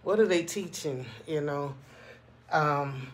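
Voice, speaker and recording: A man's voice: a little high, slow. A man vlogger giving a casual opinion monologue in a conversational way, often checking in with the listener. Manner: conversational, frequently checking in with "you know what I'm saying".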